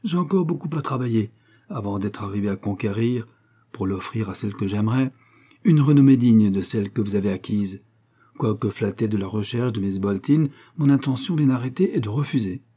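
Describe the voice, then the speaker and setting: A man reading the part of a calm, firm young engineer refusing his father in an audiobook. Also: fairly low pitch, a little fast, slightly rough. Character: young male engineer, calm, stubborn son.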